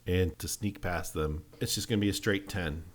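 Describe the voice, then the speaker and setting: A man runs a tabletop game as its game master, voice sitting fairly low. He lays out scenes with many small pauses and fillers. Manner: describes scenes with hesitant fillers.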